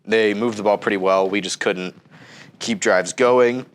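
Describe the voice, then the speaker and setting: Under the weather and stuffy from a cold, a young man co-hosts a casual sports chat in a fairly low voice, speaking a little slowly. He goes through the stats in a steady, methodical way, with frequent ums.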